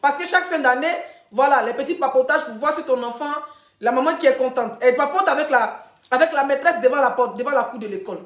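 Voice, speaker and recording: A woman hosting a ranting gossip live stream, animated, laughing often and addressing her viewers directly. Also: high-pitched. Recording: roomy echoey room.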